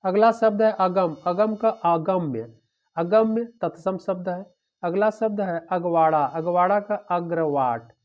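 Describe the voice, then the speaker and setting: A man teaching an exam-prep lecture, drilling through word pairs one after another in a steady, repetitive way. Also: high voice, a little slow. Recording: dull lo-fi recording.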